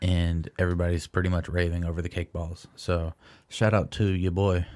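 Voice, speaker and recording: A man's voice: low voice, moderate pace, dry recording. A man co-hosting a comedy podcast, joking around casually and swearing freely. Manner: swears freely, jokey, excitable. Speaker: podcast co-host.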